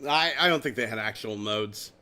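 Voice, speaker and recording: A man hosting a casual chat about toys, excitable and animated, swearing and joking as he talks. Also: on the low side, normal speed, clean tone. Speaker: podcast host.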